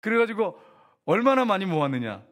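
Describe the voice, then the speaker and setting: A man preaching a sermon as pastor, lively and chatty, teasing the congregation with questions. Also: high voice, a little fast.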